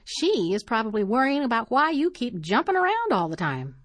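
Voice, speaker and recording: A woman doing a prim, breathy older spinster with a lilting voice. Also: a little high, big pitch swings, a little fast, dry recording, voice pushed up. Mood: tart. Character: prim older spinster, gossipy, quietly judgmental.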